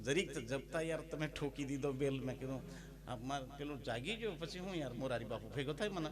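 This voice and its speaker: A man with a Gujarati accent giving a devotional talk in a folksy, humorous storytelling manner, breaking into sung verses. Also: mid-range voice. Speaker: bhajan singer and spiritual storyteller. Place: devotional gathering with live music. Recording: music playing behind. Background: instrumental music.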